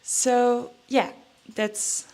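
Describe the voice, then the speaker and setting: Slow-talking, nervous young woman vlogging. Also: a little high, flat delivery, mellow. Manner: chatty, with many fillers and restarts. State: nervous and a bit out of breath. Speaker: trading vlogger. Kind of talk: casual vlog chat.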